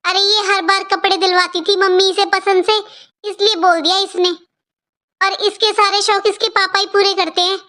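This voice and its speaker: A woman's voice: extremely high pitch, level tone, moderate pace, sharp tone. A woman as a hurt, defensive cartoon mother. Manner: defensive, wounded. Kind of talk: cartoon voice acting.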